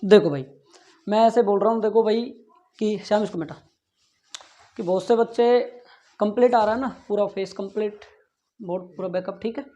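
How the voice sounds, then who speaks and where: In a classroom with a board, a male physics teacher speaks in a high-pitched, warm voice at a moderate pace, pausing often. His lecture turns into an earnest, pleading talk, and he keeps asking whether students follow and saying "yaar", all on a dull lo-fi classroom recording.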